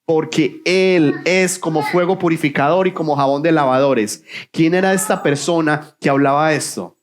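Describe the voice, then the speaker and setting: A man preaching a sermon as pastor in a church, asking questions and answering them himself, dropping to a quiet low voice on the answers. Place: church sanctuary.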